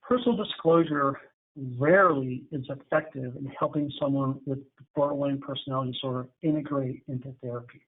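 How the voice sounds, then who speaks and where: A man's voice: medium pitch, fairly even intonation, brisk. A middle-aged man, a therapist, giving a candid, conversational webinar lecture on addiction treatment. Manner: candid, conversational, acts out client dialogues. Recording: tinny phone-like webinar audio.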